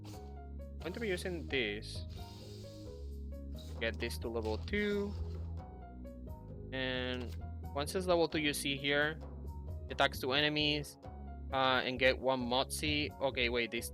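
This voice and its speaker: With a medium-pitched voice that runs a little slow and pauses often, a young gaming YouTuber talks through his play in a relaxed way. He explains and thinks aloud from an indoor computer setup, game music in the background.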